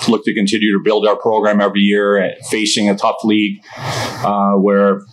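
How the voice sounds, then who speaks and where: A man head coach giving measured, appreciative remarks at a press conference. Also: lowish voice, monotone, rough recording.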